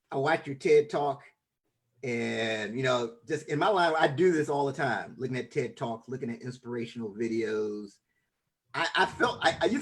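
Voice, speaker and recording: A man hosting a podcast, introducing a guest with enthusiasm and often stumbling over and repeating his words. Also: medium pitch. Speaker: podcast host. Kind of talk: casual interview introduction.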